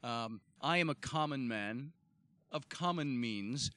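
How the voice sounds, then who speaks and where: A man's voice: medium pitch, lively intonation, takes it slowly, fairly bright tone. A man hosting a casual travel podcast, telling stories in a playful, mock-formal way from a hotel room. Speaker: tour host.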